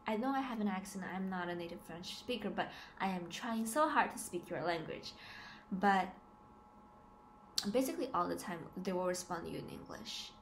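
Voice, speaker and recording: A woman in her twenties, a student living abroad who vlogs, speaks in a lowish, animated voice at normal speed. Sitting in a small plain room, she talks casually and confessionally to the camera, hesitant yet emphatic and often repeating herself. The home camera recording is noisy.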